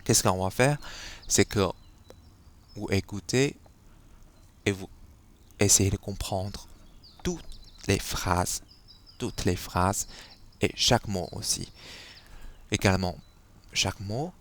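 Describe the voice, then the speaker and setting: Guy teaching a lesson, low voice, really slow and patient. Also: slight background noise. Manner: patient, repeats syllables to model tones. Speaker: Chinese language teacher.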